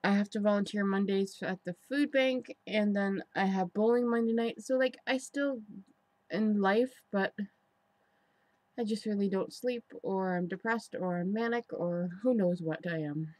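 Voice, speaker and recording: Woman vlogging at home, frustrated n candid, kinda halting rambly chat, mid pitch, very dry sound. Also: a little mellow, no echo. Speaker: personal vlogger. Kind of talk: rambling confessional vlog chat. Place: indoors in an apartment.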